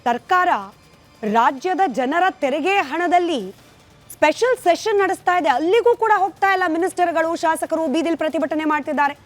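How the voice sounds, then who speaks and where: Kannada woman anchoring, high voice. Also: normal speed, faint music behind. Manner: pointed rhetorical questions. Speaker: news debate anchor. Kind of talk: scripted news debate intro.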